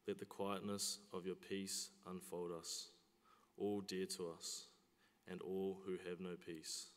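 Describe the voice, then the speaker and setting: A man's voice: deep voice, little pitch movement, slow. A young male student leading liturgical prayers at a chapel lectern, reciting steadily and evenly. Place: large school chapel, at a lectern. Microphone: lectern mic. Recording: long hall reverb.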